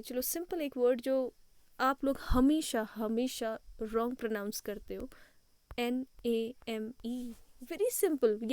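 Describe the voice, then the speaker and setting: A woman teacher gives an English lesson, mixing Hindi with English and spelling words out letter by letter. Her voice sits a little high but sounds mellow and soft-edged. The sound is dry, with no room echo. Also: smooth.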